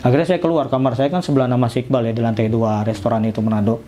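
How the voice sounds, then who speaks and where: Guy telling his story, acts out the dialogue, relaxed tone, bit of hiss behind. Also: mid-range voice, racing. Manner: animated, acts out dialogue in slangy speech. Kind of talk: casual storytelling in an interview. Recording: faint background noise.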